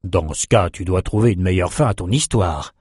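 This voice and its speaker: A man voicing an older male sorcerer who speaks slowly and measuredly, with a gently teasing tone. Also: deep voice, slightly rough, dry recording, clean studio sound, pitched below the performer's own voice. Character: older male sorcerer, calm and wry mentor.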